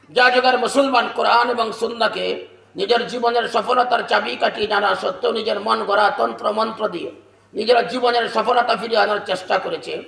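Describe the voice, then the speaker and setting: A man preaching a sermon at a gathering, shouting and chanting verses in a sing-song voice. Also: very high-pitched, gravelly. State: unwell. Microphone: loudspeaker microphone. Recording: echoey loudspeaker sound.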